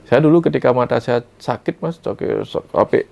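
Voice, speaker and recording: A man giving a calm, reflective spiritual talk, sometimes acting out inner dialogues softly. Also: mid-range voice, brisk, creaky. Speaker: guest speaker.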